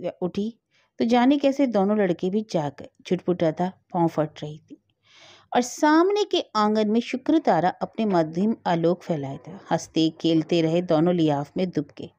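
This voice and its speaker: A woman tells a heartfelt story, voicing every part herself in a calm, even read. Her voice is mellow and warm. The recording is dry and slightly dull. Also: mid-range voice, no room sound. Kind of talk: scripted story narration.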